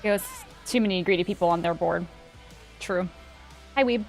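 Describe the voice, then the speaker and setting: A woman's voice: lowish voice, normal speed, soft background music. A woman livestreamer chatting casually as she reacts to wrestling. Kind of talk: casual chat.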